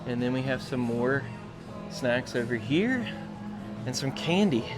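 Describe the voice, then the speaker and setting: A man's voice: mid-range voice, animated, unhurried. An American man vlogging casually on location, with an enthusiastic, folksy way of talking. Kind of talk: casual on-location vlog chat. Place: theme park, shop and outdoor food areas. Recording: music behind, outdoor park sound.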